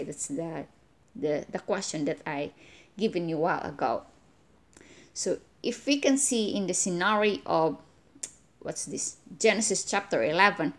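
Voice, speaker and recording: A woman from the Philippines, a native Cebuano speaker with a Filipino accent, giving an unscripted explanatory talk in a halting, repetitive way with emphasis on key words. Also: on the low side. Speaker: religious language teacher. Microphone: phone at arm's length.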